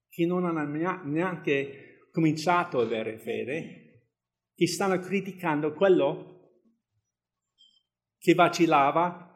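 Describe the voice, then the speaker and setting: Man, preacher, informal sermon, conversational, chuckling, frequent restarts, scripture reading. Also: fairly high pitch.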